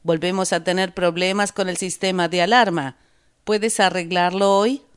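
Woman reading as a calm bank manager. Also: lowish voice, normal speed, clear, resonant tone, lightly acted. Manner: calm, commanding.

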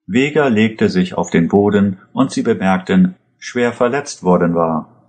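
A man reading a story as an audiobook narrator in an even, measured way. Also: low voice.

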